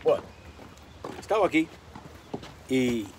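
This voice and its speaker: A man vlogging outdoors by a pool, telling a story in an animated, casual way and slipping into English. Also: medium pitch, measured pace, a little hiss or hum.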